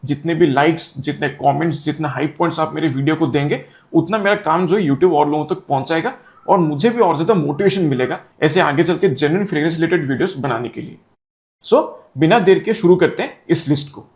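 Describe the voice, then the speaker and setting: High-voiced man reviewing perfumes. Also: a little fast, a little mellow. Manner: explanatory, mixing Hindi and English. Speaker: fragrance reviewer. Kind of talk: product review talk to camera.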